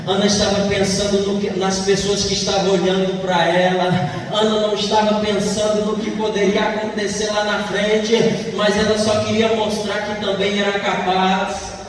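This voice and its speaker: A man preaches with a very high voice, pressing each point again and again with rhetorical questions. He sounds far from the mic, his words ringing through a church hall with a long, booming reverb and a faint hiss beneath. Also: completely flat delivery, moderate pace. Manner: emphatic and repetitive, with rhetorical questions. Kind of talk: sermon.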